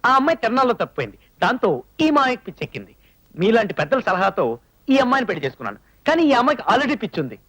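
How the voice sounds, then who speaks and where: A man's voice: high-pitched, very animated, racing, a bit bright, no echo, heavily acted. An actor playing a flustered young man who stammers and pleads while covering his lies in a comic film scene. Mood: pleading.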